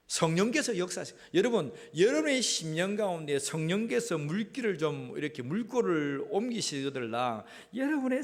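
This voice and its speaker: A middle-aged male pastor, preaching emphatically in a church and swinging between loud calls and low asides. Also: vocal fry. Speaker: senior pastor. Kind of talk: sermon. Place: church sanctuary. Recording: church hall reverb.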